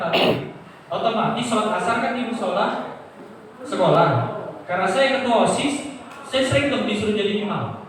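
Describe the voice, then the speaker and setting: A man telling a convert's testimony to a mosque congregation, animated and jokey, often turning to the audience. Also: high voice. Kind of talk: storytelling talk to a congregation. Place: mosque hall. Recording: echoey hall, distant mic, faint noise.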